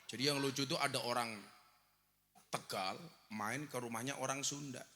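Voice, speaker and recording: A man's voice: mid-range voice, steady tone, normal speed, sharp tone, big-room sound. A man preaching a humorous live sermon, teasing the crowd and breaking into sung prayers.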